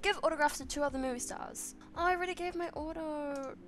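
A young woman from New with a high voice talks through a game in loose, chatty commentary. She giggles often and gets excitable, and faint game music plays behind her. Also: fast talker. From New Zealand. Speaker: gaming channel host. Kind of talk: casual let's-play commentary.

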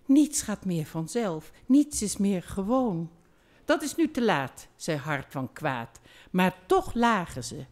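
Older woman reading poems on stage, slow and low, lively in dialogue. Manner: chatty, self-deprecating, lively when reading dialogue. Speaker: poetry reader on stage. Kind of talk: poetry reading. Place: theatre stage.

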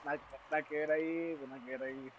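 Joking young Chilean man, slightly high. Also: fairly even intonation, fast, a crowd in the background, poor audio. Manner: joking, mock-serious. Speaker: gaming friend. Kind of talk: casual gaming banter.

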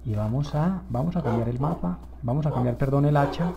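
A young man giving excited, rambling commentary over a survival game, often calling out to his viewers. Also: medium pitch, a little fast, creaky, dull audio, a little hiss or hum. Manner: enthusiastic, easily excited, addresses viewers as "señores". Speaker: gameplay video host. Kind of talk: live gameplay commentary.

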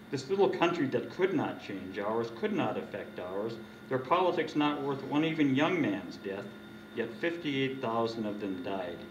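An older man reading his own poem at an open mic night, earnest and indignant, with halting restarts. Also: mid-range voice, a little hiss or hum. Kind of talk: poetry reading. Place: dark stage of a small venue. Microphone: stand mic, recorded from a distance. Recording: distant roomy venue recording, dull sound.

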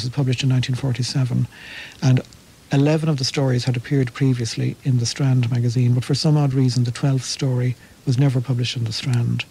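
Male guest expert, monotone-leaning, chatty, enthusiastic storyteller. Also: medium pitch, breathy edge, low-quality recording. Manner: enthusiastic, anecdotal, slight restarts. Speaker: literary researcher guest. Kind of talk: conversational radio interview.

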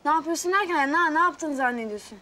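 An angry young woman cutting in with accusing questions. Her voice is very high and bright, with an edge. She talks in a TV comedy drama. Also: expressive, quick pace. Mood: annoyed. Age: young adult. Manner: accusing, sharp, dismissive.

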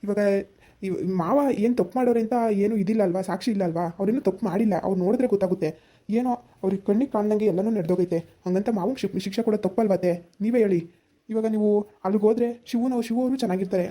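A woman voicing a young son-in-law who calmly talks his mother-in-law round in a village family drama. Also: mid-range voice, racing, close to an everyday voice. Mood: persuading. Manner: persuasive, repeated appeals. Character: reasonable young son-in-law, calm persuader.

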